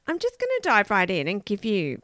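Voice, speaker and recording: An Australian woman co-hosting a podcast, telling a true-crime case in casual, chatty talk with quick asides. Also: medium pitch, wildly swooping pitch, a bit bright, no echo, studio quality. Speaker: podcast co-host.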